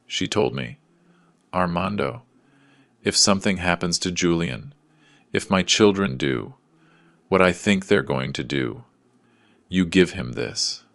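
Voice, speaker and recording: A man's voice: deep voice, expressive, slow, gravelly, pauses often, fairly bright tone, no room sound, clean studio sound, full character voice. A man voicing an elderly male doctor in his eighties, a loyal old friend speaking earnestly.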